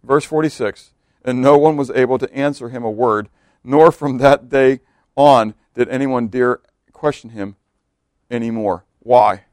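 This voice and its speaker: A man preaching an expository sermon in a conversational way. He keeps checking in with "okay?" and "right?" and often drops to a hushed, low voice for emphasis. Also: unhurried, dry recording. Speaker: pastor.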